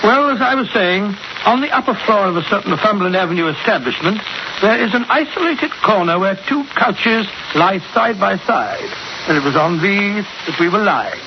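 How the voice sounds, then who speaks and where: An actor playing a genial, rambling older English doctor in a 1940s radio drama, chatty and hesitant. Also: male voice, high-pitched, sing-song, normal speed. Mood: reminiscing. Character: genial, rambling old English doctor telling his yarns. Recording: muffled, noisy 1940s radio recording.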